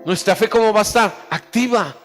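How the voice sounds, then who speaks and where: Preaching a touch fast in a high voice, a male pastor has the congregation repeat phrases after him. His sermon takes place in a church hall, captured with the room's reverb and some faint music.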